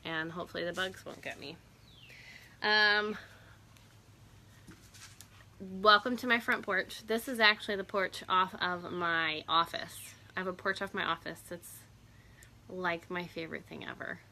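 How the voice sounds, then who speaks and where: A woman's voice: fairly low pitch, steady tone, unhurried, vocal fry, pauses often, bright, forceful tone, a little hiss or hum. A woman hosting a casual live stream outdoors on a porch, chatty, greeting viewers by name and laughing often.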